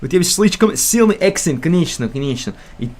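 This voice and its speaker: Speaking fairly quickly, this young man from the United States has a slightly high, animated voice with a darkish tone. On a casual livestream he rambles and stumbles through beginner Russian, with many fillers, restarts and self-corrections.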